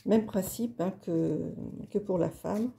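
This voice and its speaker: A woman's voice: on the low side, takes it slowly, creaky, dark tone. A woman hosting a casual craft video, talking through her work in a chatty, hesitant way with many fillers. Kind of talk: casual craft tutorial talk.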